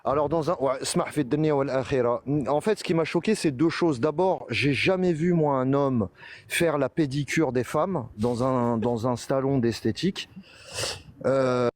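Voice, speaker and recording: A man's voice: mid-range voice, normal speed, a little hiss or hum. A man on a live debate panel, explaining his points hesitantly and in an analytical way. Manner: argues with figures and sources, many hesitations.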